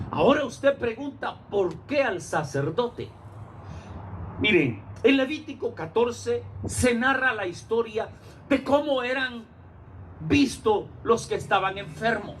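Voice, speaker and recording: A male pastor giving a sermon, telling a Bible story, shouting out the characters' lines and calling his listeners brother. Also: very high-pitched, a little hiss or hum. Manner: storytelling preacher, shouts acted lines, addresses listeners as hermano.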